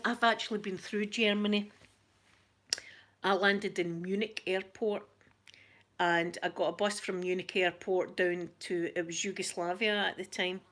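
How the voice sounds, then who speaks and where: A woman with a Glaswegian Scottish accent, chatting casually on a live ASMR stream, greeting viewers by name and often breaking off mid-sentence. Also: medium pitch. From Scotland. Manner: chatty, warm greetings to viewers, frequent laughs and self-interruptions. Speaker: ASMR channel host reading live chat.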